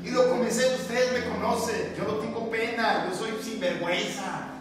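A male pastor, preaching a sermon and telling stories in an animated way, mixing in English words. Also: high-pitched, normal speed, background noise. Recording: echoey church hall, distant mic, music behind.

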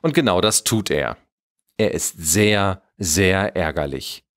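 A man narrating a German children's Christmas story in an expressive storybook manner. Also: low-pitched, slow pace.

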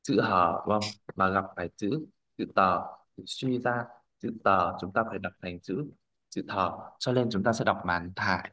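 Deep-voiced male teacher running drills. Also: moderate pace, pushed and bright, poor audio. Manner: corrects and models words, checks with "right?". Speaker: Korean language teacher. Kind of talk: classroom pronunciation drill.

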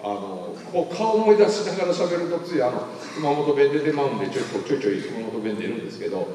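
A man's voice: medium pitch, very animated, fast, dark tone, slight background noise. A man in his fifties with a Kansai accent gives a live lecture, telling a story and acting out the voices of the people in it. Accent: Kansai Japanese. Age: 50s. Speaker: motivational speaker. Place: large lecture hall. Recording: echoey hall, mic at a distance.

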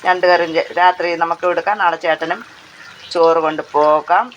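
A woman with a Kerala Malayalam accent, hoarse from long talking, chatting casually while she cooks and films on a handheld phone. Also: fairly low pitch, steady tone, moderate pace, highs cut off, a little hiss or hum. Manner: chatty, repeats phrases, tag questions. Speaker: cooking vlogger. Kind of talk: casual chat while cooking. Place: home kitchen. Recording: faint frying sounds behind.

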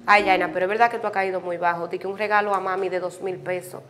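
A woman's voice: medium pitch, steady tone, quick pace, natural voice. A woman playing a snobbish sister who mocks her sibling's cheap gift. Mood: mocking. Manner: mocking, condescending.

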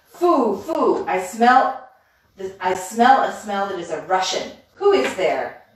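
A ravenous, menacing old witch, played by a woman reading a storybook, barks her commands in archaic speech. The voice rings through a very echoey room and sits at a distance from the mic. Her pitch stays in an ordinary middle range. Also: expressive, takes it slowly, slight background noise.

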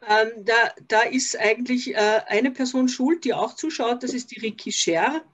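Her voice sits on the high side, and she keeps a moderate pace. She's an older social worker with an Austrian accent, a guest in a video-call interview, speaking reflectively with hesitations and many restarts, and the audio is slightly muffled.

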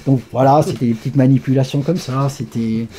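A man from France, a guest in a conversational interview, telling animated stories with lively asides. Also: medium pitch, a little fast, a little hiss or hum.

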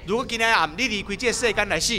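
A man interpreting a sermon live at a stadium rally, quick and echoing the preacher's emphasis, sometimes stumbling over words. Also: sits high, sharp tone, soft background music. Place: outdoor stadium.

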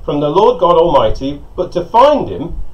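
A middle-aged man, a pastor, preaching a sermon and telling stories in an animated way, recorded on a lapel mic outside on a porch. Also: fairly high pitch, normal speed. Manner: storytelling, animated, gesturing with hands. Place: covered porch outdoors by a lake. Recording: slightly dull sound with faint outdoor ambience.

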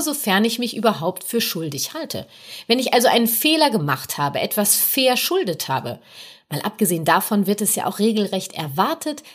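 A woman with a medium-pitched voice, a podcast host and communication coach, gives parenting advice in a monologue. She gently explains nonviolent communication to parents and speaks directly to the listener with small tag questions.

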